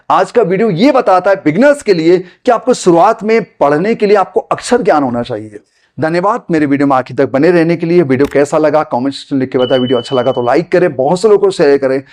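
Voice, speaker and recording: Male online English tutor with a high voice, who talks straight to viewers as friends and keeps repeating his advice. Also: a little mellow. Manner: explains slowly, repeats points, addresses viewers as friends. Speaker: English teacher. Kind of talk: spoken English lesson to camera.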